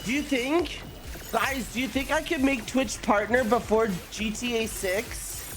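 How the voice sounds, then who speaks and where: A woman's voice: fairly high pitch, unhurried, faint music behind. A woman streaming a video game, chatting playfully with her viewers and making goofy sound effects at a desk microphone.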